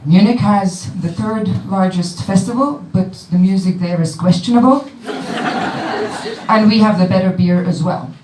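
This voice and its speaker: A woman's voice: mid-range voice, normal speed, a little mellow, slight background noise. A young Flemish woman, a native Dutch speaker, performing playful stand-up comedy and teasing the crowd in a small club. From Belgium. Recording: roomy club sound from a distant mic. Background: crowd laughter.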